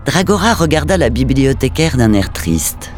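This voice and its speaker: Expressive man reading a storybook. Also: mid-range voice, normal speed. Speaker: narrator. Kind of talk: storybook narration. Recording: music bed under voice.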